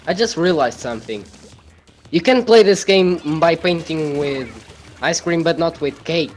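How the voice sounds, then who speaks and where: A man chatting through a video game stream, joking around and trading trash talk with his friends. His voice sits a touch high and swings widely in pitch, and he takes his time with the words. Faint game music runs underneath. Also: lively intonation, measured pace, a little hiss or hum. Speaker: gamer on a live stream. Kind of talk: casual gaming banter.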